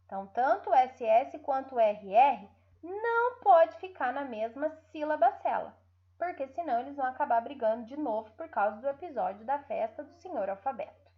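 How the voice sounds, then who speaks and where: Brazilian woman teacher, higher voice, sing-song, stretches out syllables, dull lo-fi recording. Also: expressive. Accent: Brazilian Portuguese. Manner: drawn-out syllables, frequent checking tags. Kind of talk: online lesson for young pupils.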